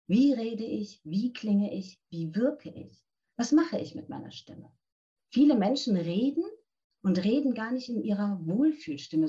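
A voice coach in her fifties answers interview questions earnestly and directly, giving practical tips and instructing the listener. Her voice is medium in pitch with a dark tone, and the audio sounds dull.

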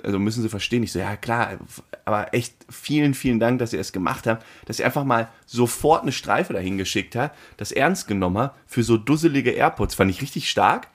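Man, casual podcast chat, animated storyteller, acts out dialogue, mid-range voice. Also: medium pitch, a little fast. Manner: animated anecdote-telling, acts out quoted phone calls.

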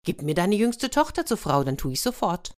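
A woman's voice: on the low side, sing-song, moderate pace, darkish tone, pitched above the performer's own voice. A woman voicing a tiny, plucky hedgehog boy who talks back cheekily. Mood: cheeky. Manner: cheeky, self-assured.

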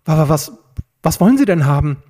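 A high, breathless voice of a panicky young man who stammers and blurts out his worries, as a man plays him. The tone is husky and keeps climbing. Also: sing-song, brisk, mellow. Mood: anxious. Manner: frantic, stammering. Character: panicky young man, excitable and guilt-ridden. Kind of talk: audiobook reading.

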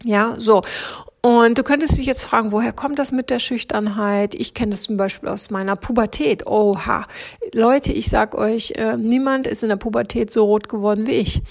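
A woman hosts a motivational podcast with a gravelly, fry-tinged voice. She speaks directly to her listeners and urges them on with firm encouragement. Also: on the high side, moderate pace. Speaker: podcast host, coach.

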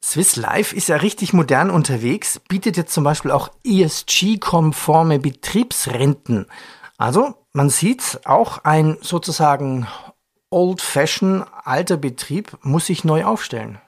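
A man's voice: fairly high pitch, expressive, a little slow, slightly rough. A man hosting a finance interview, asking questions in a conversational, joking way. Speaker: interviewer, show host.

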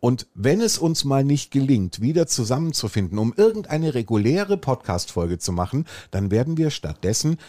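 A man's voice: medium pitch, big pitch swings, normal speed, hardly any pauses, darkish tone, no echo. A man hosting a casual podcast, rambling through wry anecdotes. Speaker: podcast host.

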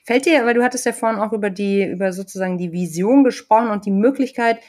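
A woman's voice: mid-range voice, fast talker, darkish tone. Attentive woman host asking questions. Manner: attentive, frequent listening sounds. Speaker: interviewer, host. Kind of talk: conversational podcast interview.

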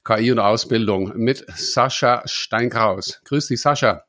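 A man's voice: mid-range voice, unhurried, a bit bright, no echo, studio quality. A man hosting a podcast interview, asking loosely phrased, chatty questions. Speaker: podcast host. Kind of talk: conversational interview.

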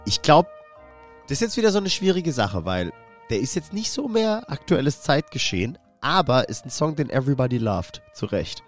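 Lively slangy German man. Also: medium pitch, normal speed, soft background music. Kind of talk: casual group chat.

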